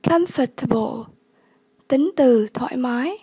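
A woman English tutor, slowly repeating vocabulary words and giving the word class, the stressed syllable and the meaning of each. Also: high voice, animated, dark tone, breathy edge, no room sound. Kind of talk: vocabulary lesson.

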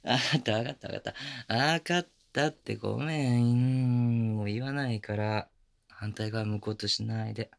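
A man playing a teasing, affectionate young boyfriend in intimate ASMR role-play, murmuring softly and very close to the microphone. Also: medium pitch, moderate pace, no echo, close to an everyday voice. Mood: affectionate, coaxing. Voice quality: breathy, gravelly. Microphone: very close binaural microphone, dry.

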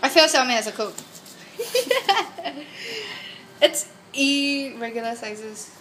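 A young woman with a high, slightly bright voice speaks slowly but with great animation as she teases a friend about how she cuts food. It's nighttime in a small home kitchen, she's filming on a handheld phone, and a frying pan sizzles noisily.

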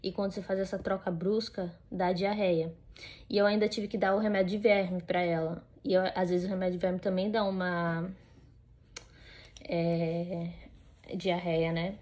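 A woman's voice: lowish voice, level tone, normal speed, a little mellow. Chatty young Brazilian woman vlogging at home. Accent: Brazilian Portuguese. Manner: chatty, rambling with many fillers and restarts. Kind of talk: casual chat to camera.

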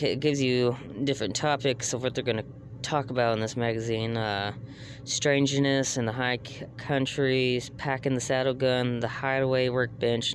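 A man with a Texan accent rambling casually to his phone camera outdoors at night, with many fillers and casual swearing. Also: medium pitch. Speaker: homesteading vlogger. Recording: outdoor night with clear background noise.

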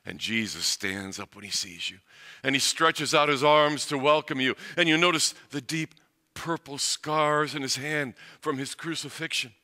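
Man, pastor, sermon, bright forceful tone, long church hall echo. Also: a little high, normal speed. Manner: swelling, lyrical preaching cadence with prayer. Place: church sanctuary.

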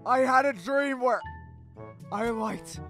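A man's voice: very high-pitched, animated, slow, a bit bright, faint music behind, heavily acted. A man voicing an edgy, brooding hedgehog in a comic dub, stammering and repeating himself in an overwrought way. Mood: shaken relief. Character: edgy, brooding male hedgehog, panicky and easily disgusted.

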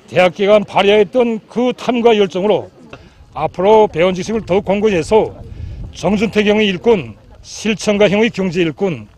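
High-voiced man, North Korean accent. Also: a little mellow. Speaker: college official addressing graduates. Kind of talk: formal address to graduates.

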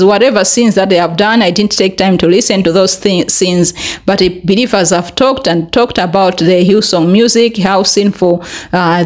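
A young woman from Malawi speaks earnestly into a desk mic in a small bright room. She talks in casual commentary, fills pauses with "uh" and "um", and climbs higher when she stresses a point. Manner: earnest, many fillers, rises in pitch when pressing a point. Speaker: vlogger. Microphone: desk podcast mic in front.

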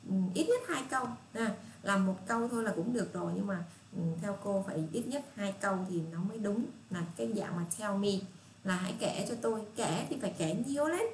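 A woman with a Southern Vietnamese accent teaching children English, patient and repetitive, reading English phrases out slowly. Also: mid-range voice, expressive. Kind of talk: casual spoken lesson for children. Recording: echoey room with faint hiss.

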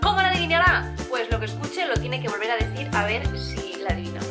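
A woman in her twenties with a Spanish accent from Spain, chatting excitably and casually as host of a challenge video. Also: a little high, fast. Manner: excitable, giggly. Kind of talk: casual challenge vlog chat. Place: small room indoors. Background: music.

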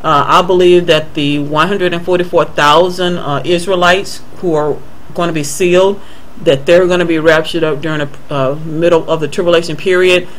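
A man earnestly explaining Bible passages in a voice-over, answering a viewer's email and pausing often with fillers and restarts. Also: on the high side, fairly even intonation, a bit bright, a little hiss or hum, rough recording. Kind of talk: unscripted Bible commentary voice-over.

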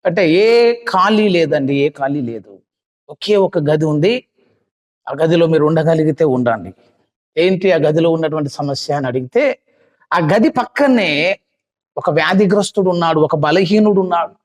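A man with a high voice preaches to a youth meeting, telling a story with dramatic, impassioned swells. His voice rings out in a hall with long reverb. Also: animated, normal speed, pauses often. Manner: dramatic retelling with rising, impassioned cries. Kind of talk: sermon storytelling.

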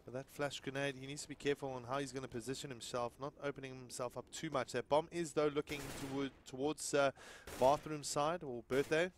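A man from South Africa giving excitable play-by-play commentary on an esports match, rising loudly on big plays. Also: fairly quick, hardly any pauses, a little hiss or hum. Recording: low-quality stream audio.

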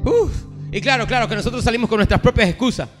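A man's voice: extremely high pitch, racing, music in the background. A man preaching a sermon as a pastor, building to an impassioned, declaiming intensity. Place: livestreamed from a church or studio.

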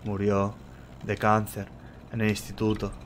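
A man from voicing a bitter, sharp-tongued young female crocodile in a curt, scornful tone. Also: on the low side, monotone, measured pace, a little hiss or hum, lightly acted. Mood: flat.

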